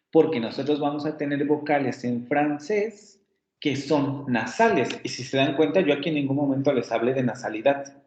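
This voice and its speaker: A man with a Mexican Spanish accent teaching a university class in an explanatory way, saying example words over and over and often correcting himself mid-sentence. His voice sits at an ordinary middle pitch. The sound is roomy and a little dull, as if picked up by a computer microphone. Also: gravelly. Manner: explanatory, repeats example words aloud, frequent self-corrections. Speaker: university lecturer. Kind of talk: online lecture on phonetics.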